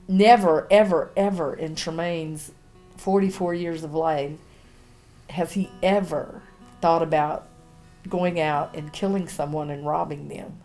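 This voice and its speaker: A woman's voice: deep voice, darkish tone. A woman in her sixties, a mother speaking earnestly and emphatically in a documentary interview.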